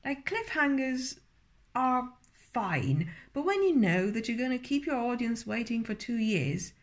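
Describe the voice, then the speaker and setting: A woman's voice: fairly high pitch, sing-song, a little slow. A tipsy woman giving a casual, rambling review, often searching for words and swearing now and then. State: tipsy from drinking. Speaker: video reviewer.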